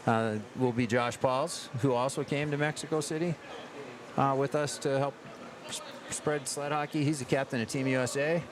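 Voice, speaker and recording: Hosting a casual live chat at an ice hockey tournament, this man from the United States has a mid-range, steady voice and keeps pausing partway through his sentences. Clear urban background noise comes through the on-location recording.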